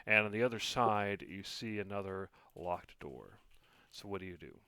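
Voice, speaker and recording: A man's voice: lowish voice, expressive, moderate pace, pushed and bright, clear, resonant tone. A man narrating a tabletop role-playing game as the game master, describing scenes and prompting players.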